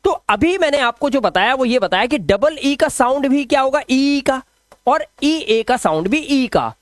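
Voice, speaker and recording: A man teaching English pronunciation rules in a classroom-style explanation, asking questions and answering them himself, and drawing out sample words slowly. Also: extremely high pitch, lively intonation, dry recording.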